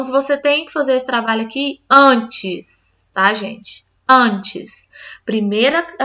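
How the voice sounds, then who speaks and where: A woman teacher with a slightly high, fairly bright voice walks other teachers through a classroom literacy activity, regularly checking in with them. Her explanatory style includes calling them "gente" and asking "tá?" again and again. It's a lo-fi recording.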